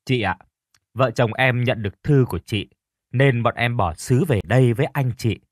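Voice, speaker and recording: A man's voice: mid-range voice, normal speed, no echo, clean studio sound, lightly acted. A man playing a humble, earnest father who speaks politely and deferentially.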